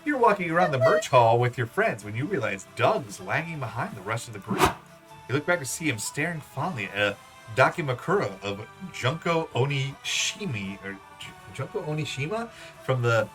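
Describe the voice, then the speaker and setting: A man's voice: medium pitch, sing-song, normal speed, over music. A man hosting a game video, reading the story aloud playfully and chatting casually.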